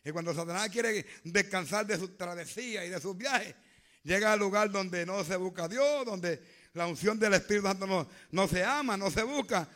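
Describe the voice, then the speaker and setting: A man preaching a fervent sermon, swinging from hushed to loud. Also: high voice, moderate pace.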